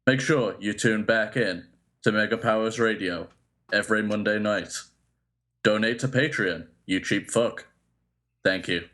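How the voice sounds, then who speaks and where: Man, low register, doing a stiff robotic monotone for the show plugs, slow and mechanical. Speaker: podcast co-host.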